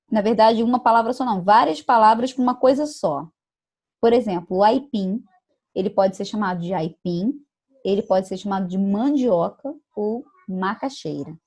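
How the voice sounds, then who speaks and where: A woman's voice: fairly high pitch, a little mellow. Brazilian teacher woman explaining. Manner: explanatory, checks understanding with "tá bom?" and "né?"; acts out regional phrases in quoted voices. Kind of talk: online class lecture.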